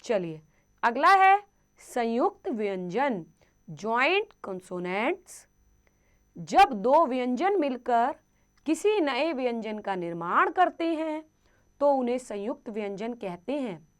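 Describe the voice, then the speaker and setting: A woman with a fairly high voice teaches a grammar lesson to children. She explains each point, then turns it into a question for her pupils, and she draws out the example words slowly and clearly. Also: big pitch swings.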